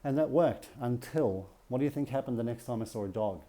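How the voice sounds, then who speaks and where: Dark-voiced man teaching a group. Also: medium pitch, a little fast. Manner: checks in with the audience with rhetorical questions and "yeah?". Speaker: relationship workshop speaker.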